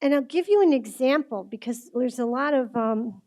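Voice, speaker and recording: Giving an informal religious talk to a group, a woman with a higher, slightly mellow voice speaks earnestly at normal speed. She keeps it conversational, addressing listeners directly and posing rhetorical questions.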